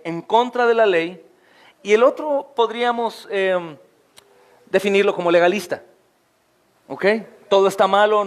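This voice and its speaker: A man over forty delivers an impassioned expository sermon from the pulpit. His voice sits high for a man and climbs higher still on emphatic questions. He keeps turning to his listeners and calling them brothers. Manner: often addresses listeners as brothers. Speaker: pastor.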